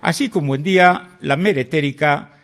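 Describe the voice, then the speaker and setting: Gravelly older man telling war stories. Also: on the high side, moderate pace, fairly bright tone. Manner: vivid anecdotal storyteller, acts out dialogue, swears casually. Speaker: guest. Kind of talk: storytelling in a podcast interview.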